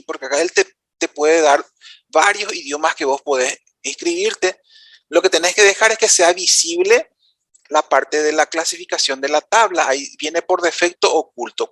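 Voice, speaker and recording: A man's voice: high-pitched, fairly bright tone, no room sound. A man with a Paraguayan Spanish accent giving a conference presentation, explaining things step by step in an informal way that speaks straight to the audience. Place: conference room.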